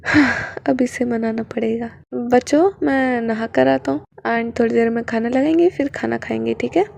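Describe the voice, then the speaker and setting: A woman voicing a teasing, possessive male commando husband in a storybook reading, speaking low and soft. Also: normal speed, vocal fry, slight background noise.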